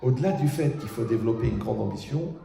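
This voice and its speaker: A man's voice: quick pace, creaky. A man, a rabbi, giving a humorous religious talk to an audience, telling anecdotes and imitating the people in them. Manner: animated storytelling, mimics people with raised pitch. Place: lecture hall with a live audience. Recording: echoey hall.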